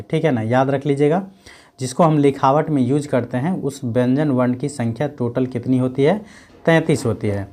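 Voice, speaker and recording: A man teaching a grammar lesson who asks questions and answers them himself, repeating key points, checking in often and sounding out letters slowly. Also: a little high, a little mellow.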